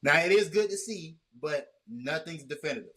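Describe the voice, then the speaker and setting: A man hosting a casual sports chat, talking in long rambling runs with many restarts and a measured, cautious tone. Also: fairly high pitch, expressive, sharp tone. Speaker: host.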